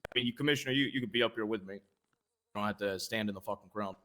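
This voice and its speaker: In a game role-play, a man acting as a senator fields a crowd's questions bluntly, cursing and stammering whenever he restarts a sentence. His voice is lowish and a bit bright, and he talks at a racing pace.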